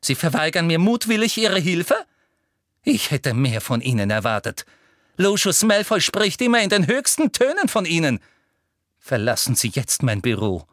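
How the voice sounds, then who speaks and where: A man's voice: mid-range voice, big pitch swings, slow pace, hardly any pauses, fairly bright tone, no room sound, clean studio sound. A man voicing a tyrannical older woman headmistress with a girlishly sweet voice that turns to shrieking. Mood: shrill anger.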